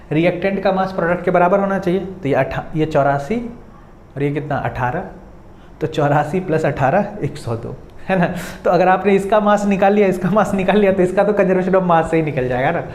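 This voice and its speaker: A man on his teaches a chemistry lesson step by step, often asking his students questions and slowing down to dictate as he writes. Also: high-pitched, reverberant. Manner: dictates slowly while writing. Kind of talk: whiteboard lesson.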